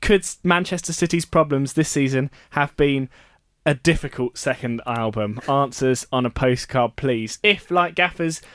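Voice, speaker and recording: A man's voice: medium pitch, normal speed, fairly bright tone, clean tone, no echo. Chatty male sports radio host. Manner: chatty, laughs often, self-correcting. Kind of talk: casual radio chat.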